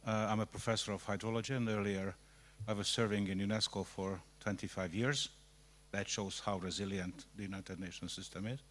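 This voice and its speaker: Low-voiced older man. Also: fairly even intonation, brisk, a bit bright. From Hungary. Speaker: panel member. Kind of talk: formal self-introduction at a ministerial meeting.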